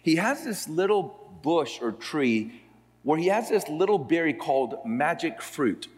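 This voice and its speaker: A man from Puerto Rico preaching a sermon as pastor. He reads scripture and moves between slow, emphatic phrases and quicker stretches. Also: fairly high pitch, sing-song, husky. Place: seminary chapel. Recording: long hall reverb.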